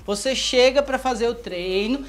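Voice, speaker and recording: A woman's voice: on the high side, normal speed. A woman giving casual, joking workout instruction as a fitness coach, demonstrating moves as she talks. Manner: playful, joking, demonstrating moves while talking.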